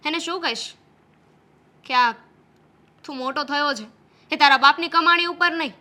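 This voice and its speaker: A high, bright voice of a young wife in a family drama film. She talks in an insistent, scolding way, pressing her husband about responsibility. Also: normal speed. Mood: worried. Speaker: actor as the wife. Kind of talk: Gujarati short film acting.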